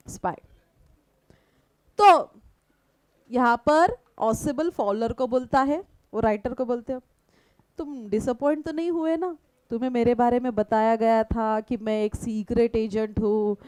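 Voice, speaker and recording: A woman teacher explaining a story to students, reading lines slowly and then explaining them in simple words with frequent checking questions. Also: a little high, no echo, low-quality recording. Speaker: English teacher. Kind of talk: classroom lesson explaining a story in Hindi and English.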